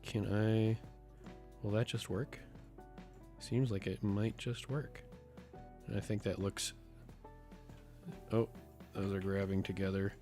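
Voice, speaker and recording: A man streaming live with a sick, rough voice. He chats casually and thinks aloud as he builds a map, often counting under his breath. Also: lowish voice, little pitch movement, slow pace, long pauses, mellow, faint music behind. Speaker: streamer and host.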